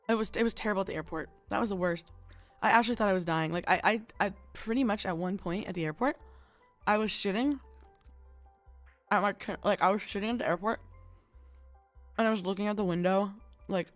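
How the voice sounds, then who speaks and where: A woman's voice: mid-range voice, no echo. A young woman streaming a casual chat, rambling and chatty with lots of fillers. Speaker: VTuber streamer.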